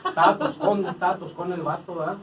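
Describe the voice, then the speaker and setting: A man's voice: sits high, steady tone, quick pace, recorded from a distance, crowd noise, rough recording. A man with a Mexican accent, a podcast guest, telling anecdotes in casual chat and acting out the other people in them. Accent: Mexican Spanish. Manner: tells anecdotes acting out others' lines, laughing often. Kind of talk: casual storytelling among friends.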